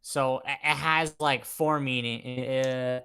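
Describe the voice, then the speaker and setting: A man's voice: medium pitch, fairly even intonation, slow pace, creaky, pushed and bright, clean tone. Bantering, profane man at a game session. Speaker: tabletop role-play player. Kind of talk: casual joking group chat during a game.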